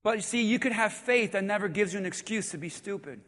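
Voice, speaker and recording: A male pastor delivers a sermon in a church. His voice sits very high and he preaches with animated, shouting emphasis. The sound rings with long reverb from the hall. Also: fast. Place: church sanctuary.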